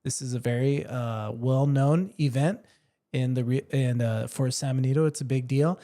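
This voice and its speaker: A man's voice: mid-range voice, steady tone, moderate pace, mellow. A man co-hosting a casual local news podcast, joking and laughing often. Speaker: podcast co-host.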